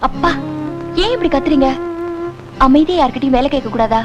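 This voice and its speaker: An actress playing a gentle, devoted wife in a 1980s film, soft and pleading in manner. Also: female voice, high-pitched, lively intonation, brisk, over music.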